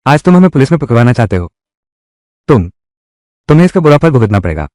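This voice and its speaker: Man dubbing a spiteful old mother-in-law, over sixty, scolding, self-pitying, lively pitch, dry. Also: quick pace, no room sound, lightly acted. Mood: bitter. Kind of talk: dubbed drama dialogue.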